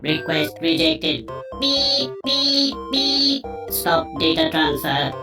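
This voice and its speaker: A man's voice: very high-pitched, big pitch swings, takes it slowly, vocal fry, exaggerated voice. An actor playing a hulking iron wild man who speaks like a glitching robot, in clipped mechanical phrases broken by beeps and error calls. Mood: cold, mechanical. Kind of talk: video game voice acting. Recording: echoey distant game audio with music behind.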